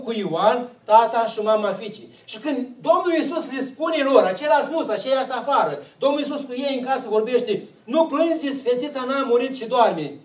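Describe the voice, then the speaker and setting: High-pitched preacher in an echoey hall. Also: male voice, darkish tone, far from the mic. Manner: asks the listeners questions and answers them himself. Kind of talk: sermon.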